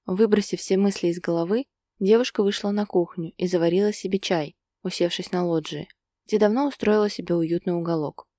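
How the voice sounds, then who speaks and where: A woman narrating a romance story in steady, scripted audiobook style. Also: fairly low pitch, brisk, no room sound, clean studio sound.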